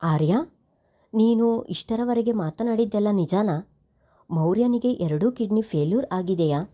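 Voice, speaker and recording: A woman's voice: mid-range voice, a little slow, warm tone, dull audio, lightly acted. A woman voicing a grieving middle-aged mother who pleads tearfully with her grown sons in a storybook reading. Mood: shocked.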